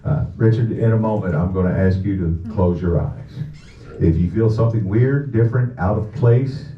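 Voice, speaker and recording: Trading crude, profane jokes with the audience, a man with a lowish voice runs a comedy hypnosis show at a moderate pace. The recording comes from an audience camera far from the stage, so the indoor venue sounds muffled, distant, and echoey, with background noise.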